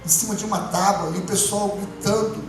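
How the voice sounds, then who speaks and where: A man, a pastor, giving an emotional testimony sermon, moving between hushed and loud. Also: high-pitched, steady tone, a little fast, noisy background. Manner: impassioned, swinging from hushed to loud. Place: church. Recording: echoey church hall from far off, music behind.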